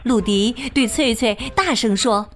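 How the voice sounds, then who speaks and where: A woman reading a children's picture book aloud in a slow, expressive, sing-song way. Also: on the high side, soft background music. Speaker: storyteller.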